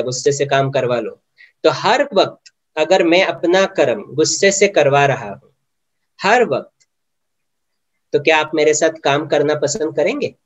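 A man's voice: on the high side, lo-fi sound. A man giving a spiritual meditation lecture, often putting questions to his listeners and mixing English words into his talk. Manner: asks the audience many questions; mixes English words into Hindi. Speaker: meditation teacher.

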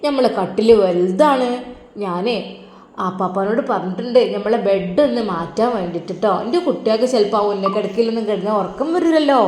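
Woman voicing a gentle coaxing old grandmother. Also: medium pitch, lively intonation, a little fast, slight background noise, lightly acted. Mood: tender, coaxing. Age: older. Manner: soft coaxing, affectionate endearments. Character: gentle widowed grandmother, affectionate. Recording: roomy echo.

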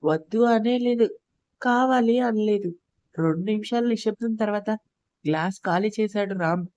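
A woman's voice: medium pitch, moderate pace, darkish tone, dry recording, lo-fi sound. A woman narrating a romance story, reading the characters' lines in her own voice with little change.

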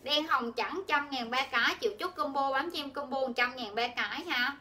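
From her home shop indoors, a young woman runs a live clothing sales stream, talking nonstop in a high, pushed, bright voice at a fairly quick pace. She's chatty and pushy, constantly addressing viewers and promoting deals.

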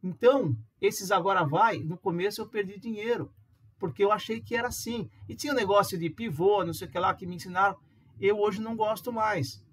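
A man with a Brazilian Portuguese accent gives a casual, chatty tutorial on reading charts as an amateur trader. He checks in with listeners using quick tags and acts out their questions. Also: sits high, husky. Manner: acts out viewers' questions in a livelier voice. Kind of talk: casual screen-recorded tutorial.

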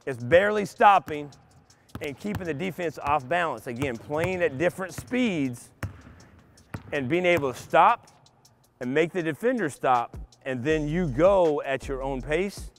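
A middle-aged man coaching basketball, calmly explaining drills step by step to young players in a large empty indoor arena. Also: fairly high pitch, measured pace, faint music behind. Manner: patient step-by-step explaining to kids. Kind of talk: instructional clinic demonstration.

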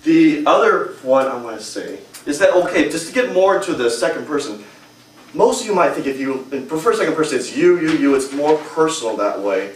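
A young man with a fairly high, animated voice speaks a little fast in his humorous, emphatic prepared speech at a public speaking club held in a hotel meeting room. A far camera records the echoey room, with a little hiss or hum.

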